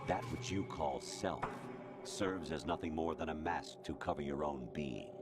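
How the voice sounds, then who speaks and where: Cold calculating ai boss, super deep, slow and smug, big game score under him. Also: male voice, loud music behind the voice. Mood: coldly lecturing. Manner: calm, condescending, deliberate. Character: cold domineering male AI overseer, lecturing. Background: loud game soundtrack.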